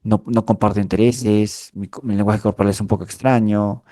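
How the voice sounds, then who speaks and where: A man's voice: fairly low pitch, fairly even intonation, moderate pace, mellow, no room sound, clean studio sound. A man from Peru, giving a clinical lecture and checking in with listeners as he explains. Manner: explanatory, frequent checking tags like "¿ya?". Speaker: lecturer in a mental health course.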